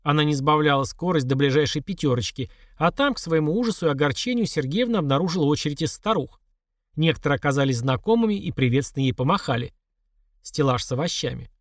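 A man narrating a darkly comic story in an expressive, mock-dramatic way. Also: fairly high pitch, quick pace, no echo, studio quality.

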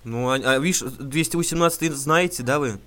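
A man making a prank phone call, talking in a deadpan, mock-earnest way and stumbling over words. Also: mid-range voice, brisk. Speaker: prank caller.

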